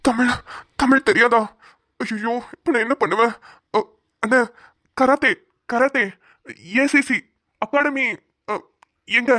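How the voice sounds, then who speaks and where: A woman's voice: on the high side, steady tone, slow pace, long pauses, sharp tone, no echo, clean studio sound. A woman doing a flustered lost man. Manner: flustered, pleading, stumbling.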